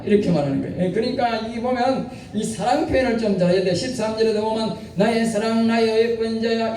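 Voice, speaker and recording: A man's voice: sits high, warm tone. A male pastor preaching a sermon, exhorting the congregation and often asking them to respond. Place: church sanctuary. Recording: echoey church hall from far off.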